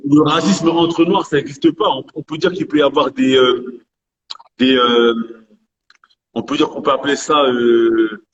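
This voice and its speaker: A man from Gabon with a mid-range voice hosts a live online debate. He speaks in a measured way and passes the floor to his guests. His call audio sounds slightly muffled and lo-fi. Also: mid-range voice, steady tone, husky. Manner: measured, gives the floor to others.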